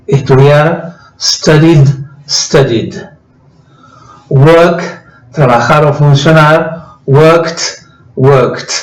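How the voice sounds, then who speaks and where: A man teaching a grammar lesson, explaining slowly and patiently in his native Spanish. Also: on the high side, a little mellow. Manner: slow, patient explaining, switching between two languages. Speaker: English teacher. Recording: echoey room.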